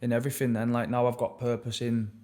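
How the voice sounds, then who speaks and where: A young man talking openly and reflectively as a podcast guest, halting often and swearing casually. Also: medium pitch, level tone, mellow. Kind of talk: candid personal conversation.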